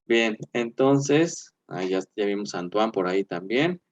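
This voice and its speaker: A male teacher giving an online class in a chatty way, filling pauses with "eh" and "este" and checking in with "¿verdad?". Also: lowish voice, expressive, dull audio.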